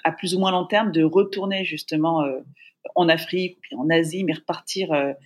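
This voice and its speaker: A woman who grew up in francophone Africa, talking warmly and reflectively as a guest in a remote interview. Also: deep voice, steady tone, normal speed. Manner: warm, reflective, thinks aloud. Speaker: podcast guest, TV presenter.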